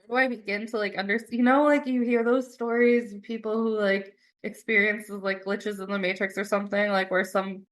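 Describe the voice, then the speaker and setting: A woman's voice: mid-range voice, level tone, a little fast, hardly any pauses, a bit bright. A young woman hosting a podcast, chatting and telling stories in a rambling way, full of "like" and casual swearing. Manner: rambling, lots of "like", swears freely. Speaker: podcast host. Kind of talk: casual chat and storytelling.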